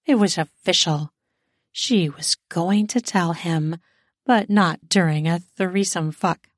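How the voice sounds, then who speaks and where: A woman narrating an erotic audio story in a smooth, steady storytelling manner. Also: on the low side, slow pace, dry recording, clean studio sound.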